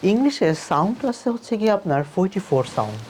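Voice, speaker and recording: A man teaching an online spoken English class. He repeats each sound slowly as he demonstrates it, with filler hesitations. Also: high voice, very animated, a little mellow, a little hiss or hum. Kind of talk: online video lesson.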